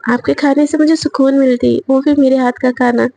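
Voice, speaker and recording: A woman voicing an adoring young woman junior in a storybook reading, sweet and flattering. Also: high voice, normal speed, vocal fry, slight background noise. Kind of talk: storybook narration with voiced parts.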